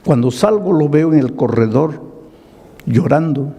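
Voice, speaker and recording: A man's voice: on the high side, expressive, measured pace, mellow, husky, big-room sound. A male pastor telling a story in a sermon, dramatic and full of acted dialogue. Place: church hall.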